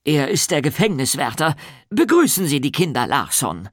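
A man putting on a small, good-humoured pastor, welcoming two children into a prison in this storybook. The voice sits higher and louder than plain narration, lively and bouncing, in a dry, close sound. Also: moderate pace, no room sound. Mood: friendly. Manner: warm and welcoming, upbeat.

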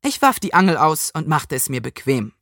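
A woman reading a children's story aloud in animated, lively narration. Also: sits low, normal speed, no echo, clean studio sound.

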